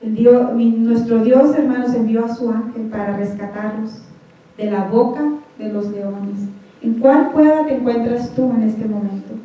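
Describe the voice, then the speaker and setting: A woman's voice: a little high, fairly even intonation, measured pace. A woman preacher giving a fervent sermon in a church hall, often calling out to the congregation. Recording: echoey hall, voice from far off, dull sound.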